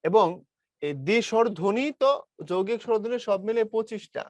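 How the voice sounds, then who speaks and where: Young male tutor from Bangladesh, light Brahmanbaria accent, fairly high voice, dry close sound, patient step-by-step lecturing. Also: fairly quick, dry recording. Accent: Bangladeshi Bengali, Brahmanbaria region. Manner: explains step by step, calls students brother, models sounds aloud. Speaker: teacher. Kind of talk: online class lecture.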